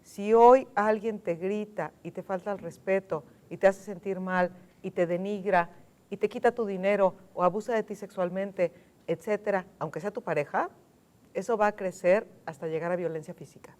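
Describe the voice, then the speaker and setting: A Mexican woman speaking as a guest on a studio panel, emphatic, repeating key words and slowing down to stress them. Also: mid-range voice, a little mellow. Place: television studio.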